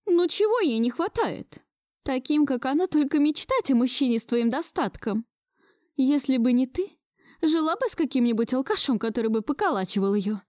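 A woman's voice: high-pitched, expressive, normal speed, a little mellow, no room sound, clean studio sound, voice pushed up. A woman reading an audiobook voices a stubborn, pushy old grandmother in a raised, reproachful voice.

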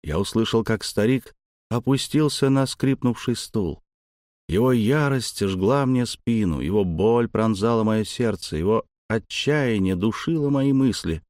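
A man with a fairly low voice reads a first-person story aloud in a steady, even manner. The recording is dry and close, with no room sound. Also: a little slow, no room sound. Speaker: audiobook narrator. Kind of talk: first-person scripted narration.

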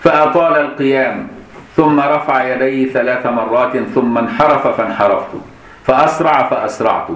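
A middle-aged religious teacher with an Egyptian Arabic accent talks through a hadith in a relaxed, conversational way, asking his listeners rhetorical questions. His voice sits in a middle pitch. The recording carries a noticeable room echo. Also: normal speed. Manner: colloquial explaining with rhetorical questions and laughter. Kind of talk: hadith commentary lesson. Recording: echoey room.

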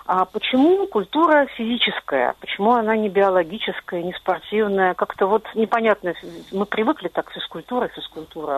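A woman's voice: medium pitch, low-quality recording. A woman calling in to a radio show, politely asking puzzled questions about word meanings. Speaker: caller. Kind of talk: phone-in question. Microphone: telephone line.

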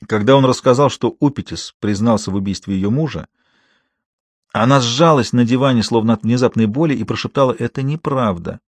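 A man reading a thriller audiobook in a calm, steady, scripted narration. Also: medium pitch, brisk, dry recording.

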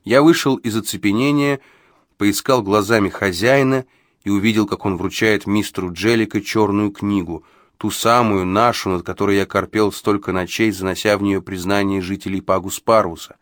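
A man narrating an audiobook in the first person, in calm, even storytelling. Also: lowish voice, normal speed, no echo, clean studio sound.

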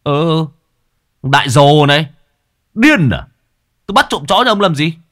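A man voicing a brash, strong young village man who shouts and stammers in fright. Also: a little high, sing-song, measured pace, dry recording, clean studio sound, pitched above the performer's own voice. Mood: defiant.

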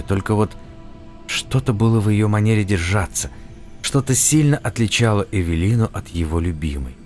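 A man narrating an audiobook in a steady, even storytelling manner. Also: sits low. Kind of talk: scripted narration.

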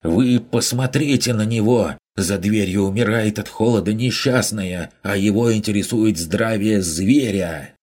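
A man voicing an indignant male merchant who blusters loudly in outrage. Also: lowish voice, measured pace, few pauses, breathy edge, voice pushed up. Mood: outraged. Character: indignant loud middle-aged male merchant. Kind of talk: audiobook character voice.

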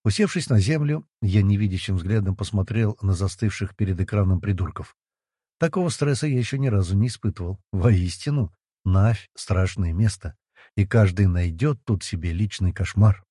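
A man reads an audiobook in a low, dark, husky voice. His delivery moves lively in pitch, and the recording is dry and close. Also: moderate pace, no echo. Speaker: audiobook narrator. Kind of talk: audiobook narration.

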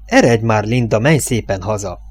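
A man's voice: lowish voice, lively intonation, darkish tone, husky. A man reading an audiobook voices a tense truck driver speaking brusquely with forced cheer. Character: tense male truck driver, gruff and wry.

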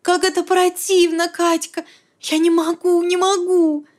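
A woman's voice: extremely high pitch, level tone, pitched above the performer's own voice. A woman reading an audiobook, voicing a distraught young woman of twenty-eight who talks in an agitated, pleading rush. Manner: agitated, pleading, fast hot whisper. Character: upset young woman, 28, shrill and furious. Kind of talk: audiobook character voice.

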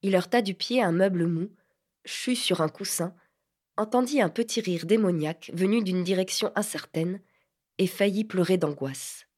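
A woman narrating a classic French novel as an audiobook in a measured, expressive reading. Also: fairly low pitch.

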